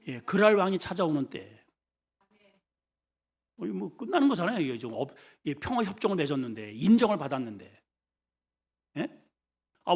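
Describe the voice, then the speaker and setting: Lively, high-voiced Korean pastor preaching. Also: male voice, breathy edge. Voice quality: mock shouts for comic voices. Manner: animated storytelling, leads the congregation in call-and-repeat. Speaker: senior pastor. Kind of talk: sermon.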